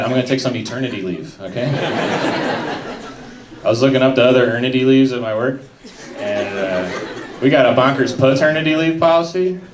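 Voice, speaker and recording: Deadpan mumbling young comedian on stage. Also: male voice, mid-range voice. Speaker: stand-up comedian. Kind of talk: stand-up comedy set. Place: comedy club stage with a live audience. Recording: echoey room with background noise.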